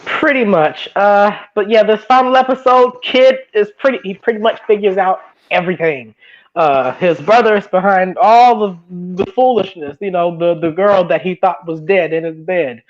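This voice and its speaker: A man's voice: sits high, moderate pace. A man joining a podcast as a guest, laid-back and chatting casually about a TV series. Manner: laid-back, laughs often. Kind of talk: casual podcast review chat. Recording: dull lo-fi sound.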